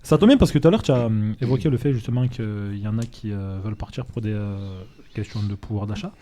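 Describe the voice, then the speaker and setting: A man hosting a casual interview, asking questions in a relaxed, conversational way. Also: fairly low pitch, fast. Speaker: host.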